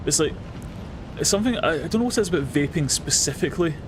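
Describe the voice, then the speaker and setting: Streaming a game with game music playing, a man from Scotland keeps up casual, occasionally profane chatter with his audience. He has a Scottish accent and a fairly high, animated voice, speaking at a quick pace against background noise.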